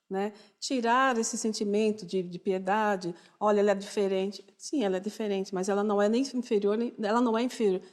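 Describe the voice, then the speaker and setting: A woman's voice: medium pitch, a little mellow, in a large hall. A woman speaking as a studio guest, earnest and emphatic, often restarting her sentences. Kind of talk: TV studio conversation.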